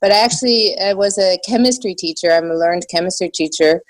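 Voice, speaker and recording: An American woman with a slight German accent, chatting casually and haltingly in an interview, often restarting her sentences. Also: fairly low pitch. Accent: American with a slight German influence. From United States. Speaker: podcast guest, small shop owner.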